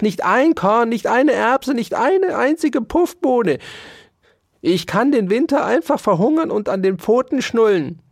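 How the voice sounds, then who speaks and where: A fussy, bad-tempered male hamster from a storybook, blustering at everyone around him. His voice sits high and carries loudly, with a lively swing in the pitch. A storyteller acts him out in a dry, close recording. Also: no room sound. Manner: blustering, snapping and scolding.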